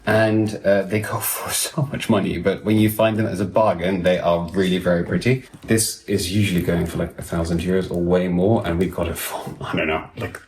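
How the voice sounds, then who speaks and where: A man talks eagerly and casually, explaining things and stumbling over his restarts. His voice is very low, with a faint hiss of noise behind it. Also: little pitch movement, moderate pace, hardly any pauses, a little mellow. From Netherlands. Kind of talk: casual chat.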